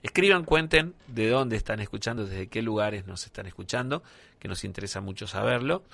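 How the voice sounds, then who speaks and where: A man with an Argentine accent hosting a radio show, chatting in a relaxed way and reading out listener messages. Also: lowish voice, fairly quick, creaky. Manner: relaxed, conversational, with fillers. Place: radio studio.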